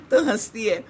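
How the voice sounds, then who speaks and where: A woman's voice: a little mellow, slight background noise. An older woman from Pakistan, hosting a live stream, chatting in a rambling, conversational way and reading out viewer comments. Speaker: host.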